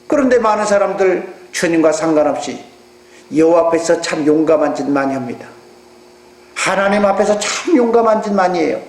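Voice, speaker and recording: A male pastor with a Jeolla accent, preaching a sermon in an animated way and putting rhetorical questions to his congregation. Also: sits high, brisk. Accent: Jeolla Korean. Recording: echoey room with mains hum.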